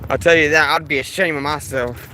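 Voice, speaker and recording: Bright-voiced man rambling outdoors. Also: fairly high pitch, fairly even intonation, a little fast, a little hiss or hum, poor audio. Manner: repetitive, frequent restarts. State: sweating in the heat. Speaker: vlogger filming police in his town. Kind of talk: casual rambling monologue. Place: outdoors in town on a hot day.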